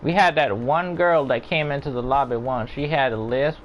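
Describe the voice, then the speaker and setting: A man's voice: mid-range voice, moderate pace, lo-fi sound, a little hiss or hum. A man with a Louisiana accent, chatting casually with gaming friends and rambling through joking stories. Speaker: gamer. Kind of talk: casual chat.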